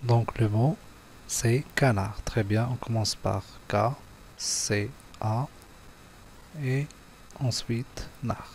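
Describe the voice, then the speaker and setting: Brief: patient male schoolteacher, unhurried, correcting a workbook page for small children. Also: medium pitch, darkish tone, a little hiss or hum. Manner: patient, spells letters and syllables one by one. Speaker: teacher. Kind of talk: slow classroom exercise walkthrough.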